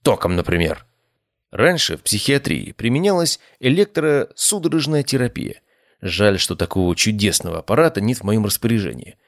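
A man's voice: fairly low pitch, sing-song, normal speed. A man giving dry, wry first-person narration of an audiobook.

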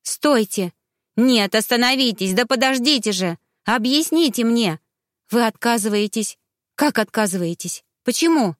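A woman's voice: a little high, moderate pace, dry recording, studio quality, voice pushed up, natural voice. A woman voicing a desperate young noblewoman who pleads urgently and breathlessly. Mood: urgent protesting.

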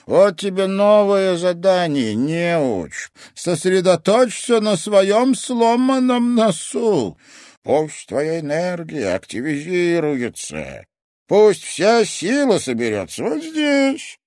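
Shrill, gruff old sensei. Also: male voice, big pitch swings, takes it slowly, a little mellow, no echo, clean studio sound, heavily acted. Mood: lecturing. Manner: gruff, scolding, lecturing. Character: stern mocking male martial arts sensei. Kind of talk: audiobook character voice.

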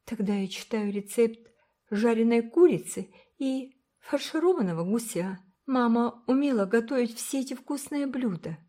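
A woman voicing a timid little girl who pleads earnestly in a high, gentle voice. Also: lively intonation, normal speed, close to an everyday voice. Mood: chatty.

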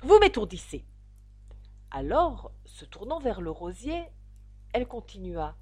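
A woman narrates a storybook with an expressive, dramatic delivery. Her voice is husky, and her pitch rises and falls in lively sweeps as she tells the tale. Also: a little slow. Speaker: audiobook narrator.

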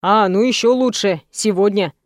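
A woman's voice: mid-range voice, normal speed, dry recording, studio quality, natural voice. A woman voicing a playful, cocky young man in love, with a teasing, tender and brash manner, in an audiobook.

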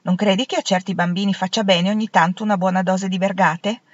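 A woman's voice: mid-range voice, steady tone, a little fast, dry recording, close to an everyday voice. A woman voicing a blunt, practical young woman teacher who speaks in a firm, matter-of-fact way, in a storybook reading. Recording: dull lo-fi, dry.

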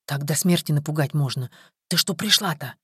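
A man's voice: fairly high pitch, fairly quick, breathy edge, no echo, studio quality. The narrator voicing a young man who whispers in surprise to his mother. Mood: hushed surprised. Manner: whispering, hushed.

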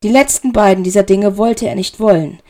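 A woman reading fan fiction aloud as an audiobook narrator, with a slow, measured, dramatic delivery. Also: medium pitch, mellow. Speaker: reader.

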